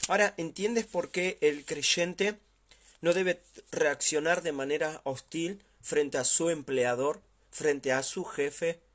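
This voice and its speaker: Argentine pastor teaching a Bible study. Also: male voice, a little high. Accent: Argentine Spanish. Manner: explains with frequent questioning checks to listeners; dramatic shifts in loudness when retelling.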